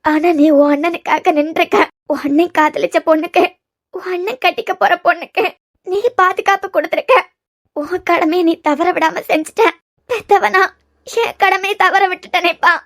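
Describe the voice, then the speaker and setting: A woman's voice: very high voice, fairly even intonation, moderate pace, fairly bright tone. Woman playing a tearful grieving mother. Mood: pleading. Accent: Kanyakumari Tamil. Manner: pleading, tearful, repetitive. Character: grieving elderly mother begging her lost son's forgiveness. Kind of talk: cartoon web series voice acting.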